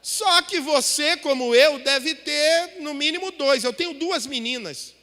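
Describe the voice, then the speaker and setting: High, bright-voiced preacher in a church hall. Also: male voice, a little slow. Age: middle-aged. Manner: animated, preaching to the congregation with rhetorical questions. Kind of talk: sermon. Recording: long hall reverb from a church.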